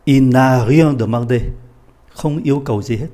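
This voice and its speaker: A man who speaks Vietnamese as his first language, teaching French grammar, patiently reading the French examples slowly with a Vietnamese accent. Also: medium pitch, dark tone. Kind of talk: explaining grammar in a lesson.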